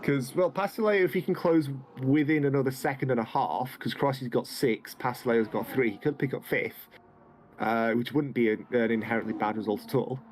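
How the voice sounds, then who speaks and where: A man's voice: mid-range voice, slight background noise. A man of twenty commentating a sim racing event live, calling the action and joking with his co-host. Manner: joking, quick banter between race calls.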